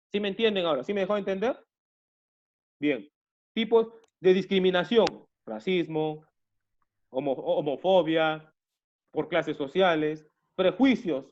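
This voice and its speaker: A man's voice: sits high, expressive, moderate pace, a little mellow, highs cut off. A man from Peru teaching an online class, repeating himself and often calling his students young people. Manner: repetitive, addresses class as "jóvenes", many restarts.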